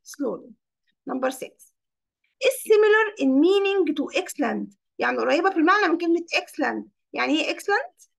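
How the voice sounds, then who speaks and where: A woman's voice: sits high, vocal fry, fairly bright tone. A woman English teacher with an Egyptian Arabic accent, explaining English vocabulary in Arabic and quizzing her pupils by name. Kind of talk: classroom lesson.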